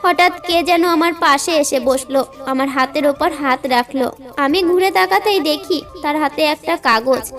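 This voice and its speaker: A woman tells a dramatic first-person story with a high voice. Her delivery gets emotional, and in the dialogue she climbs high and loud. Soft music plays behind her. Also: a little slow.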